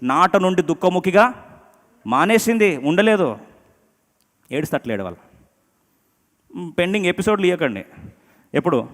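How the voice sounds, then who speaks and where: A man's voice: high-pitched, sing-song, moderate pace, long pauses, fairly bright tone. A male pastor preaching in a church hall, his slightly raised voice ringing out with a long reverb. He is emphatic and mixes English phrases into his sermon. He keeps putting questions to the congregation and throws in humorous asides.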